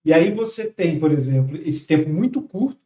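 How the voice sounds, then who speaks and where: A middle-aged man from Brazil in a podcast conversation, explaining things quickly with some hesitant restarts. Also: on the high side, sing-song, recorded from a distance, a crowd in the background. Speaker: podcast participant. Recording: roomy, off-mic podcast audio.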